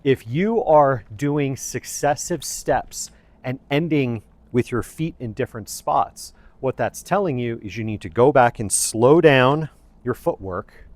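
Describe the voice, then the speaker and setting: A male instructor with a mid-range voice gives a fencing lesson. He explains technique methodically, laying out each point in deliberate, orderly phrases. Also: medium pitch, darkish tone.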